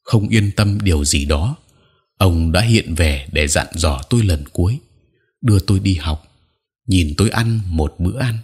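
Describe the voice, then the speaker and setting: Low husky male story narrator. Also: unhurried. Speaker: audiobook narrator.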